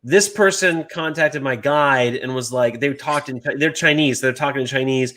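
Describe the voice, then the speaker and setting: A man in his thirties from the United States, telling stories in casual chat and acting out quoted voices with big pitch jumps. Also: normal speed, a bit bright.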